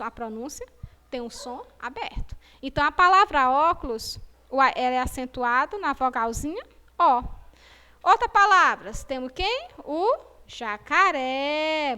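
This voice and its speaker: A Brazilian woman teaching a video lesson for young children, with a high-pitched voice. Her tone is bright and clear, and she speaks in a slow, sing-song way, stretching out the words she wants the children to repeat. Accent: Brazilian Portuguese. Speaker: primary school teacher.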